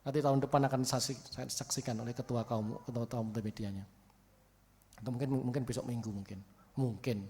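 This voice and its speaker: A man's voice: mid-range voice, fairly even intonation, fairly quick, darkish tone, big-room sound, a little hiss or hum. A man with a Javanese accent preaching a sermon as pastor, joking and slipping in playful Javanese asides. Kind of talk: sermon with humor. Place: church.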